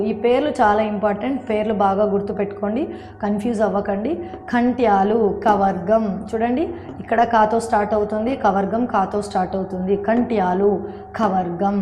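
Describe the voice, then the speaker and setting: A fairly high-voiced woman teaches an exam-prep grammar lesson. She repeats key terms slowly and speaks to her viewers as friends. Her voice carries a long, roomy reverb. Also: a little mellow. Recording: echoey room with long reverb.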